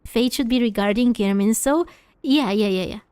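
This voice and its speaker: A woman's voice: a little high, moderate pace, darkish tone, smooth, no room sound. A woman gaming host giving casual commentary as she plays through a game.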